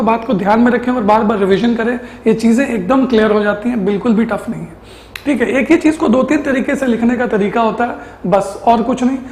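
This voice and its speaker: A man's voice: very high voice, darkish tone, reverberant, poor audio. A man teaching a math lesson to students, going step by step and asking and answering his own questions, mixing English terms into his speech.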